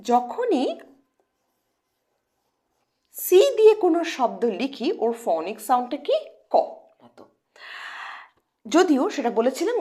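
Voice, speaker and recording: A woman teaching English pronunciation in Bengali, her first language. Her voice is high and swings widely in pitch. She keeps asking her students questions and then answers them herself. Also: darkish tone. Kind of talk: online lesson, explaining to students.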